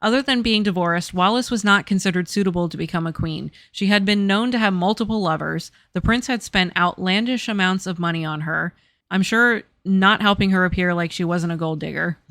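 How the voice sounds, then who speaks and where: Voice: mid-range voice, a little fast, a bit bright, dry recording. A podcast host narrating history in a casual way, reading facts evenly between jokes. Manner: reads facts evenly, breaks into laughter.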